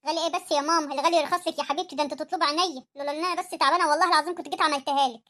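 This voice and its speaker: Hoarse, caring Egyptian daughter with a cold, very high, bright, fast, tender. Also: female voice, fairly even intonation. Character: loving grown daughter, sick with a cold.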